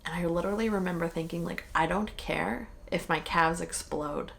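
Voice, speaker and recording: Young woman vlogger, candid chatter, slightly low-pitched, talks freely. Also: normal speed, gravelly, fairly bright tone. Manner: candid and chatty, heavy with "like" and mild swearing. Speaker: vlogger recapping a marathon. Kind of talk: casual chat.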